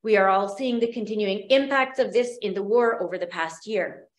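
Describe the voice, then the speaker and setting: Woman presenter, mid pitch, measured read lecture, echoey room. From Western Canada. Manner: measured, reads from prepared notes. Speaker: academic conference presenter. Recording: roomy, echoey room sound.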